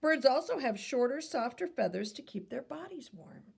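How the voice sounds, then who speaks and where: A woman reads aloud to children in an instructive, teacherly way, stopping to ask the young listeners questions. Her voice is high-pitched with big pitch swings, gravelly, a little mellow, and slightly rough.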